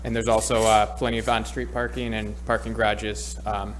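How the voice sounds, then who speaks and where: A man's voice: fairly low pitch, little pitch movement, normal speed, faint music behind. A man, a business owner requesting a permit at a public hearing, speaking hesitantly with many fillers.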